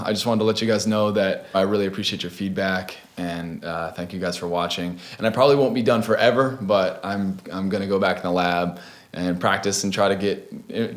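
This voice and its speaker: Chill young guy explaining beatbox stuff, kinda low voice, lots of uh and um. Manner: laid-back, chatty, many fillers and restarts. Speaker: beatbox tutorial host. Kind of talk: casual video tutorial.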